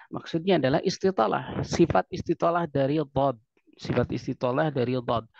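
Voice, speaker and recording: A man explaining a recitation lesson in a measured way, repeating key phrases. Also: fairly high pitch, a little mellow, no room sound. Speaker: interpreter and student of recitation. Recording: dry, dull lo-fi sound.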